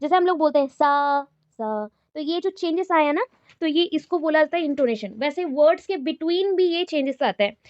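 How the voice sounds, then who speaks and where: A woman's voice: high-pitched, brisk, a little mellow, no echo, dull audio. A woman teacher, giving an exam-prep lecture and reading out example sentences with explanations. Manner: mixes Hindi and English, reads out and explains example sentences.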